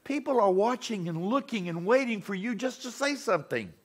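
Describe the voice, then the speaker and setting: Animated older male pastor preaching. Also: sits high, brisk. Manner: animated storytelling, acting out other voices. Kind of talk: sermon.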